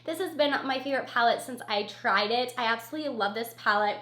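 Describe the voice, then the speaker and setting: A beauty vlogger with a cold gushes about her favorite products in casual review chat, her scratchy, sniffly voice fairly high and a bit bright. She talks fast and repeats words for emphasis, and the sound is reverberant.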